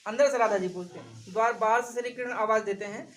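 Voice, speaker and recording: A woman's voice: on the high side, fast, slight background noise, low-quality recording. A woman teaching a grammar lesson for exam preparation, repeating examples and questioning her class.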